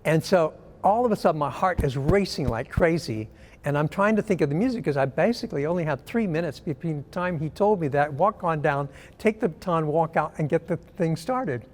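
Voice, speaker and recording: Older man telling a lively story. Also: a little high, fairly quick. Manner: animated storyteller, lots of "um" fillers. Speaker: former artistic director of a ballet company. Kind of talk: casual anecdote in a conversation.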